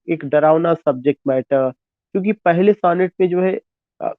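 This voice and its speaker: A man with an Indian accent lectures slowly on literature for exams, spelling out terms letter by letter and going over each point again. His voice sits a little high for a man. The sound is thin and phone-like, and completely dry. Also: dry recording. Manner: slow, spells words letter by letter, repeats points; mixes Hindi and English. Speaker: teacher. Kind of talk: exam-prep literature lecture.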